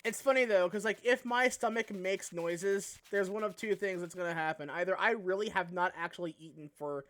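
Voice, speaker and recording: A woman's voice: on the low side, moderate pace. A woman streaming a game live, chatting casually in a giggly, rambling way and swearing freely.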